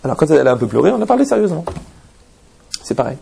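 Male rabbi, lively storyteller with a raised voice and a rough, fry-laden edge. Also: a little high, very fast. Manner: lively storyteller, rhetorical questions, frequent "d'accord?". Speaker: rabbi teaching a religious talk. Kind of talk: anecdotal religious talk to an audience.

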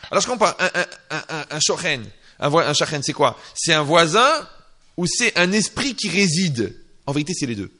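A man giving an informal religious lesson in French, lively and conversational, acting out short dialogues and dropping in Hebrew terms. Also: a little high, normal speed. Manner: animated, acts out little dialogues, slips in Hebrew terms. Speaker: religious teacher.

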